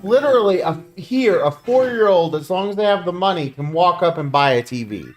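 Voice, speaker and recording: A man co-hosting a casual podcast chat, making quick wisecracks. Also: sits high, animated, soft background music. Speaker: podcast co-host.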